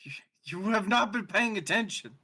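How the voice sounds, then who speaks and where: A man's voice: high-pitched, normal speed, pushed and bright, breathy edge. A man playing a tabletop game, speaking hesitantly and repeating himself as he talks. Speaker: player. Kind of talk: casual game chat.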